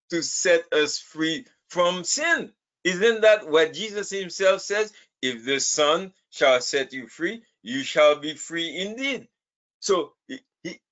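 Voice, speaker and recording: Animated man teaching a Bible class. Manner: lively, animated, laughs often, rises to emphatic high bursts. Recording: dull lo-fi recording.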